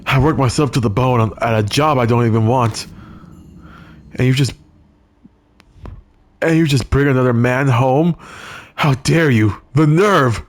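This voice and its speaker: A man voicing an exhausted, furious middle-aged man who yells and curses bitterly. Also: medium pitch, measured pace, pauses often, lightly acted. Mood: enraged. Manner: yelling, cursing and bitter.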